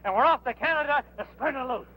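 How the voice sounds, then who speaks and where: A man's voice: very high-pitched, animated, quick pace, pushed and bright, full character voice. An actor playing a weary, joking man on a winter trek in an old B-movie. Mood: teasing. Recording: noisy old film soundtrack.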